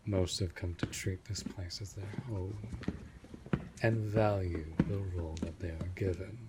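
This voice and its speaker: A man plays a deep-voiced vampire lord who speaks slowly, a centuries-old master of a manor who is courteous, possessive and protective. His speech is formal, measured and deliberate in this immersive audio roleplay directed at the listener. Loud background noise is present.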